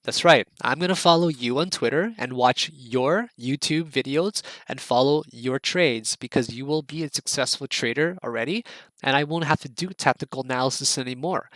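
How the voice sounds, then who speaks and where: A man's voice: medium pitch, a bit bright, no room sound. A man teaching a casual online trading lesson, eager and coaxing, who keeps checking in with his viewers and repeats words and phrases as he goes. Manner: repeats words and phrases, restarts mid-sentence. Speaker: trading instructor.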